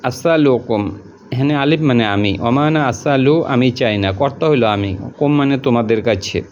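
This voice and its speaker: A man's voice: medium pitch, moderate pace, darkish tone, highs cut off, a little hiss or hum. A man teaching a word-by-word translation lesson, repeating each word and its meaning in a patient, colloquial way.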